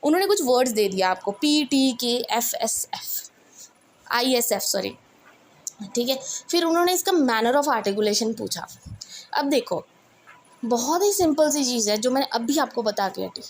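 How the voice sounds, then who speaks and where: A woman's voice: on the high side, lively intonation, normal speed, a little hiss or hum. A woman teaching an English revision lesson with an Indian English accent, mixing English terms into her explanations and often checking with "right?". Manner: mixes English terms into explanations, repeats "theek hai ji" and "right?". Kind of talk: exam revision lecture.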